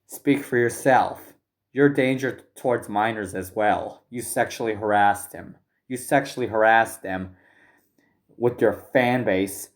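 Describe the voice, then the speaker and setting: Male commentary ranter, slow, profane, halting. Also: on the low side, roomy sound. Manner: angry, profane, halting with restarts. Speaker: commentary youtuber. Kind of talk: ranting commentary.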